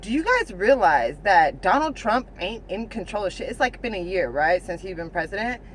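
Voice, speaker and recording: A woman's voice: medium pitch, moderate pace, slight background noise. A woman vlogger ranting casually to her viewers, swearing a lot, restarting her sentences and asking "you know what I'm saying" again and again. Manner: restarts and stumbles, animated. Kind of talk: casual rant to camera.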